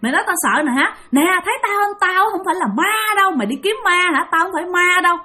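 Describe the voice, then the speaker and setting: A woman voicing a vengeful female demon who jeers and menaces in a raised, shrill voice. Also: lively intonation, fast, bright, forceful tone, exaggerated voice. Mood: taunting. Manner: taunting, menacing, repetitive jeering. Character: vengeful female demon, killed by a bomb, taunting.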